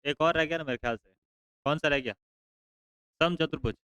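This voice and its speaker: Guy teaching a class, kinda high voice, teasing kids to talk louder. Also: a little fast, clear, resonant tone, dry recording, rough recording. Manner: teasing, prodding students to answer loudly. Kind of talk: classroom lecture with banter.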